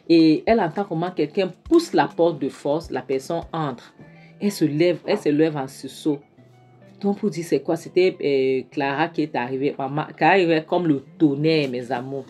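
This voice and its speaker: A woman giving a casual film recap with animated, shocked asides. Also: low-pitched.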